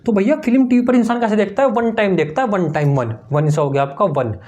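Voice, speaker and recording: A man's voice: high voice, quick pace, darkish tone. A man of teaching exam memory tricks, repeating each answer as a question-and-answer drill while writing on a board. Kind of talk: mnemonic tricks lesson.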